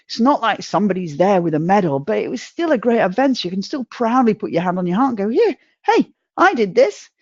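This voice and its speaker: A middle-aged woman giving a humorous motivational talk, chatty and self-mocking, with sudden jumps in pitch. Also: darkish tone, no echo, dull audio. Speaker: motivational speaker.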